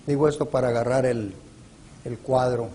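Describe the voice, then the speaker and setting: A man preaching a sermon in a slow, emphatic way, with stressed words that rise sharply. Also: medium pitch, steady tone, mellow, slight background noise. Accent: Latin American Spanish.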